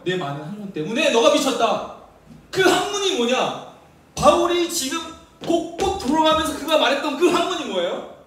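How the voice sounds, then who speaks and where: A man's voice: extremely high pitch, fairly bright tone. A man preaching a sermon as pastor, often asking the congregation questions. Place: church sanctuary. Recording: very echoey church hall, mic at a distance.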